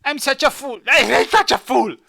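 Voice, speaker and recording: A man's voice: very high-pitched, lively intonation, normal speed, vocal fry, pushed and bright, pitched above the performer's own voice, exaggerated voice. A man voicing a crazed, unhinged female game trainer with a manic manner. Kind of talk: video game character voice.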